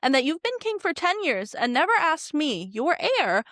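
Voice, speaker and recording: A sulky, scheming royal brother whining about being sent away, as a woman puts him on. The voice sits high and sounds dry and close, with the complaint drawn out in every line. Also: very animated, normal speed, a bit bright, dry recording. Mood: whiny.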